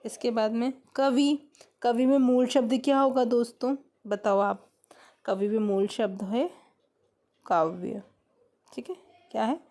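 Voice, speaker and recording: A woman's voice: fairly high pitch, unhurried, long pauses, dark tone. A woman teaching a grammar lesson, explaining step by step and repeating questions back to her students.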